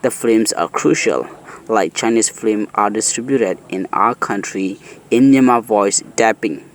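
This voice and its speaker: A man's voice: lowish voice, unhurried, slight background noise. A man giving a formal spoken statement as an interviewee in a news report.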